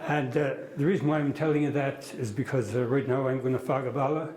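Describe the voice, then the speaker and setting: An older man from Quebec City introducing a guest speaker to an audience with a relaxed, humorous anecdote. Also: mid-range voice, fast, a crowd in the background. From Quebec City, Canada. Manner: folksy anecdotal storyteller with easy humor. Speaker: event host introducing a speaker. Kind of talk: informal introduction at a heritage talk. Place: meeting hall with an audience. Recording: echoey hall.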